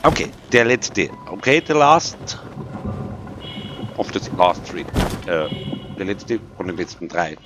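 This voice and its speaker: A man with a Bavarian accent, a native German speaker, commenting on a game in English and then repeating each line in German, excitable and prone to swearing. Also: low voice, slow, pauses often, noisy background. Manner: excitable, with swearing and sudden outbursts. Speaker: gaming video host. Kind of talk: bilingual gameplay commentary. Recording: loud game music behind the voice.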